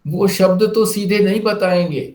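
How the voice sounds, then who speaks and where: High-voiced man giving a spiritual discourse. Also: a little mellow, echoey room. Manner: explanatory, rhetorical questions, slow deliberate phrasing. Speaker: spiritual teacher.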